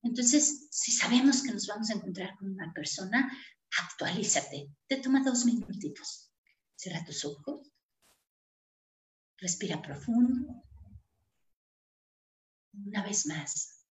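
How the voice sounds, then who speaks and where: A woman host guiding listeners in short, unhurried phrases with long pauses, as in a meditation. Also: mid-range voice, lively intonation. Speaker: host leading a guided breathing meditation. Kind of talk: guided meditation, slow and soothing instruction. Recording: roomy, echoing sound.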